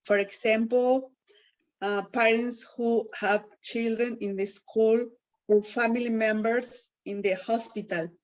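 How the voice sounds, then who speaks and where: A woman learning English speaks slowly and carefully, with pauses between phrases. Her fairly high voice comes through a dull, muffled recording. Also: steady tone. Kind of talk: prepared personal statement.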